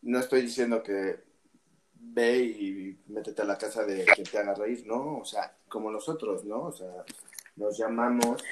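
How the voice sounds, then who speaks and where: A man's voice: on the low side, a little slow, heavy background noise. A man co-hosting a podcast, chatting casually and often checking for agreement. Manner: conversational, keeps asking for agreement. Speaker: podcast co-host. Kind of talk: casual chat.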